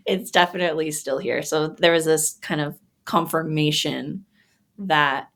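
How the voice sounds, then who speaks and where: A woman with a somewhat low voice talks in a relaxed podcast conversation. She reflects out loud, pausing and reaching for her words with plenty of fillers, and her feeling shows close to the surface. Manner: gets emotional while talking. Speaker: podcast guest.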